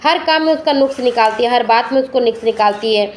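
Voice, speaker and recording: A woman's voice: fairly high pitch, fast talker, slight background noise. A woman telling a family story in casual, homely spoken style with loose restarts. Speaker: storyteller of a home channel.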